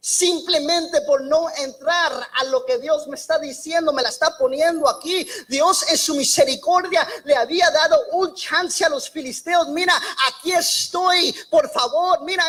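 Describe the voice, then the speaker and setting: A woman preaching a sermon in a halting way, often repeating and restarting words, with joking asides. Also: high voice, a bit bright, rough recording.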